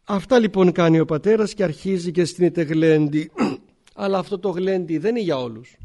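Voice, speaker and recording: Preaching in a fairly high and mellow voice, this male priest moves through scripture by posing rhetorical questions. Throat-clearing frequently interrupts his talk.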